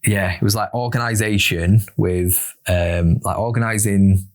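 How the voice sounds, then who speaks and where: A man's voice: on the low side, steady tone, measured pace. A man with a Yorkshire accent, a podcast guest recounting a tale in casual, rambling speech with lots of fillers and restarts. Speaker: guest, former corner assistant. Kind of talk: casual storytelling. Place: podcast studio.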